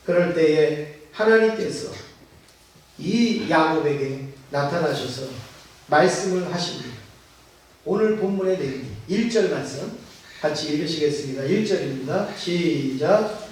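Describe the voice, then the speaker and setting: A man's voice: on the high side, lively intonation, a little slow, slight background noise. A man preaching a sermon as pastor, putting rhetorical questions to his congregation. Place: church sanctuary. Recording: echoey church hall, mic at a distance.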